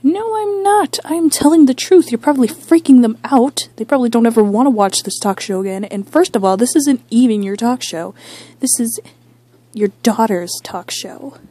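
A woman's voice: on the high side, animated, normal speed, mellow, slightly rough, dry recording, pitched above the performer's own voice. A girl voicing a fed-up wife toy who scolds her husband, pleading and sometimes whispering, in an amateur toy skit. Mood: scolding.

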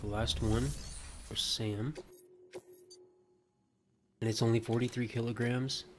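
A man livestreaming a video game, casually thinking aloud in a low-key way as he plays. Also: little pitch movement, slow. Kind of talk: casual play-by-play gameplay commentary. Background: faint game music.

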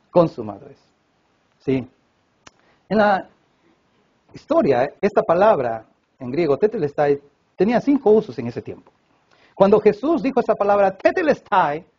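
A man preaching a sermon at a church service, swinging between loud emphatic cries and hushed low passages. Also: creaky, breathy edge, muffled recording. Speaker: pastor.

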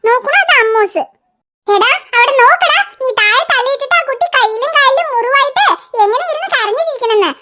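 A cartoon mother who scolds fast and makes sharp threats, played by a woman. Her voice is high and bright, and it cuts through. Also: lively intonation, full character voice. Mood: scolding. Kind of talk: cartoon voice acting.

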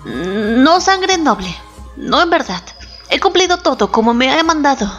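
A woman voicing a proud, victorious male Inca general who speaks harshly and boastfully, with soft music behind. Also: sits high, sing-song, unhurried, heavily acted. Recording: slightly dull, soft background music.

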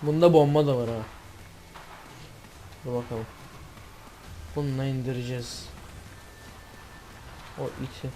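A man from Turkey giving excitable gameplay commentary, swearing and yelling when startled. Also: medium pitch, measured pace, pauses often, a little hiss or hum. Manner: excitable, swears and yells in surprise. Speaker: gamer.

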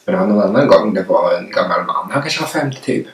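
A man's voice: sits low, expressive. A young man vlogger telling work stories while eating, chatty and rambling with many restarts. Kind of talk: casual storytelling while eating. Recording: echoey room, mic some distance away.

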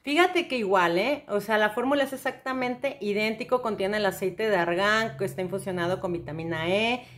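A woman's voice: mid-range voice, normal speed, hardly any pauses, fairly bright tone, slight background noise. A young woman, chatting enthusiastically to the viewer while reviewing makeup. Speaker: beauty vlogger.

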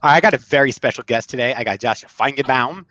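A man's voice: mid-range voice, fast talker, pushed and bright, no room sound. A man hosting a casual live interview, upbeat and loose, with filler words. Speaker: host. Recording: dull lo-fi sound.

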